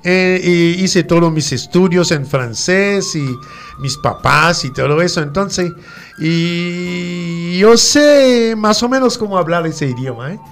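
A man whose first language is French teaches pronunciation, slowly repeating letters and words. His voice sits fairly high, and faint music plays underneath. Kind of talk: radio French lesson.

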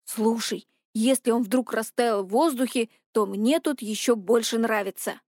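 A woman's voice: fairly high pitch, unhurried, a little mellow, no echo, clean studio sound. A woman doing a dazed, sluggish teenage boy. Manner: sluggish, bewildered.

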